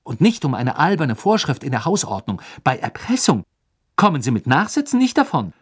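A man's voice: mid-range voice, very animated, moderate pace, slightly rough, pitched above the performer's own voice. A man voicing an anxious, bookish teenage girl in an audiobook, speaking in an urgent, insistent way.

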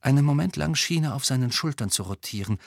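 Male audiobook narrator, mid pitch, even storytelling, dry recording. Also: fast, gravelly, no room sound. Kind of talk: scripted narration.

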